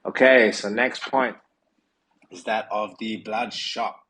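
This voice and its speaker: Casual low-voiced man with faint hiss. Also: steady tone, takes it slowly, a bit bright, low-quality recording. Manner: loose, filler-heavy, informal and a bit profane. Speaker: project team member hosting an AMA. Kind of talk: casual live audio chat.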